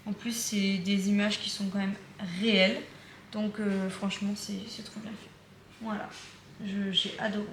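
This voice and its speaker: Young woman vlogger, excited and rambling, filmed on a phone in an echoey home with noise behind. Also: mid-range voice, moderate pace. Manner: chatty, enthusiastic, repeats herself with many fillers. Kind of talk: casual vlog chat. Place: at home, indoors. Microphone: phone or camera close by. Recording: echoey room with background noise.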